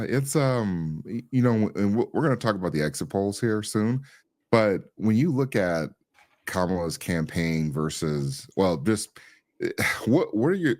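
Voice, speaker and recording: A man's voice: sits low, a little mellow, no room sound, studio quality. A man co-hosting a podcast, talking in a loose, colloquial way with plenty of fillers. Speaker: podcast co-host. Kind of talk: casual political chat.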